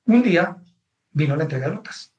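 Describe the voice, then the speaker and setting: A man with a Colombian accent tells a story in an interview, his voice sitting a little higher than most men's. He is animated and keeps checking that his listener is following along. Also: a little fast, lo-fi sound, slight background noise. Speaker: guest author. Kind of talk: conversational storytelling.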